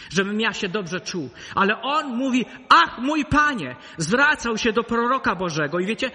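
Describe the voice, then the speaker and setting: A man preaching a sermon to his congregation, swinging between loud emphatic peaks and low, close asides. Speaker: pastor. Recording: long hall reverb.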